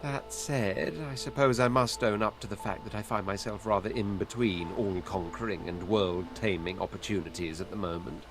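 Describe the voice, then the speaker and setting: An actor playing a haughty, condescending exiled lizard prince in a video game, speaking in pompous, flowery phrases. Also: male voice, on the low side, moderate pace, few pauses, lightly acted. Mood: lofty, bargaining. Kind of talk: video game character acting. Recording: game music behind the voice.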